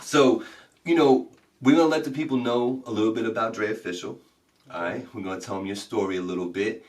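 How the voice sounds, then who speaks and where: A man hosting a casual interview show, hyping the viewers with shout-outs and laid-back banter. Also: fairly low pitch, fairly even intonation, a little fast, recorded from a distance. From Puerto Rican family. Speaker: host. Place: studio in Beacon, New York.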